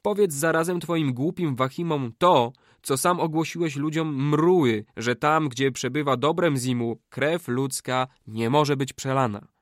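Male reader playing a stern young boy, commanding, lectures loudly, raised pitch, dry close sound. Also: measured pace, hardly any pauses, no room sound, lightly acted. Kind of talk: audiobook character voice.

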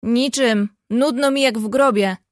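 A woman's voice: on the high side, unhurried, dry recording, studio quality, close to an everyday voice. A woman reading an audiobook, voicing a shy, sickly teenage boy in a polite, slightly plaintive way.

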